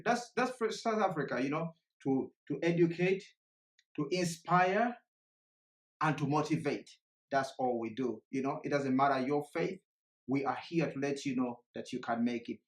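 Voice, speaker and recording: A man from Uganda giving an energetic motivational presentation live from a remote location, often repeating and restarting his words. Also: a little high, echoey room.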